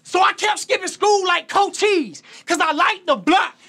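High, bright Southern country man shouting bars. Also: unhurried. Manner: shouted, aggressive delivery. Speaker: battle rapper. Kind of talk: battle rap performance. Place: live battle event with a crowd.

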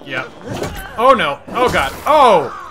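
A man giving casual gameplay commentary as a streamer, excitable and cursing at enemies while game music plays. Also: on the high side, measured pace. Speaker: gaming streamer. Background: game audio and music.

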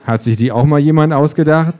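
A man's voice: a little high, brisk, dark tone, pitched above the performer's own voice, lightly acted. A man voicing a laid-back, teasing young man in a comic story.

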